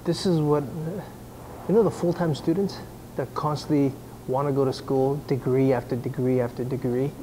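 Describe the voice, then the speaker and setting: In a casual Q&A, a man in his forties bluntly answers business questions at normal speed, his medium-pitched voice dark in tone with fairly even intonation, and he often restarts sentences. Recorded on camera in an indoor atrium of a mall or coffee shop, the poor audio has a little hiss or hum and background music under the voice.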